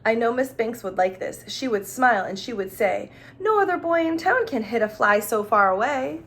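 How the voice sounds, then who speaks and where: With a slightly high voice and moderate pace, an expressive teacher reads a children's storybook aloud, playfully adding gasps, exclamations, asides and simple questions and explanations for the young listeners. There's slight background noise.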